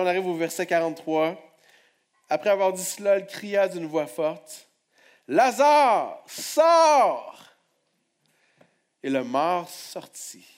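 Male pastor, fairly high voice, sermon with hushed prayers and booming calls to the crowd. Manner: swings from hushed prayer to loud exclamations; calls on the congregation to respond.

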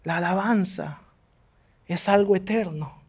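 A man preaching a sermon, fervent and exhorting, his voice climbing high on points of emphasis. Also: a little slow, darkish tone, breathy edge.

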